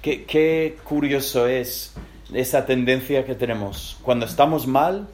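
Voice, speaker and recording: A man with a Spain Spanish accent preaching a sermon as a lively storyteller, swinging between loud and hushed. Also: medium pitch, measured pace.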